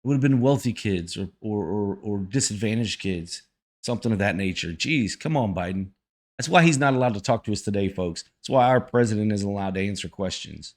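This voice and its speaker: A man's voice: lowish voice, expressive, brisk. A man giving casual, folksy reaction commentary as the host of a video channel.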